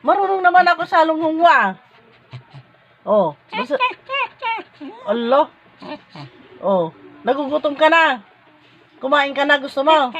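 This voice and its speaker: Woman pet owner, high lively voice, playful and coaxing, dull lo-fi phone audio. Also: unhurried, long pauses. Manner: playful, coaxing, laughs often. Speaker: pet owner filming her dog. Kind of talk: casual talk to a pet. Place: at home, indoors.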